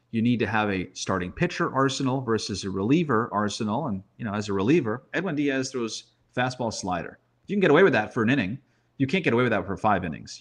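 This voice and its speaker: A man with a mid-range, slightly bright voice gives conversational sports commentary as a guest analyst. He leans on rhetorical questions and emphatic repetition.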